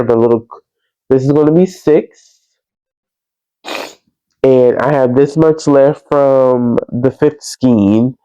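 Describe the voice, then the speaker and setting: A man chatting casually like a crafting vlogger, congested with a cold, sniffing and breathing through his mouth, in a halting, stop-and-start way. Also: medium pitch, warm tone, smooth, dry recording. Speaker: podcast host. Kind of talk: casual crafting vlog chat. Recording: slightly dull, lo-fi sound.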